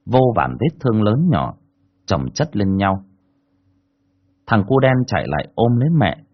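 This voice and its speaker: A man narrating a dramatic folk tale in a husky, low voice. His delivery is expressive and lively, with wide swings in pitch. The recording is dull and lo-fi. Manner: expressive, colloquial. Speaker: storyteller.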